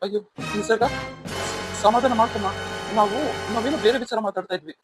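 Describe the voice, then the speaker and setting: A man's voice: sits high, fast talker, over music, close to an everyday voice, rough recording. A man voicing a stern, protective elder brother in a cartoon serial, blunt and commanding. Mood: reassuring.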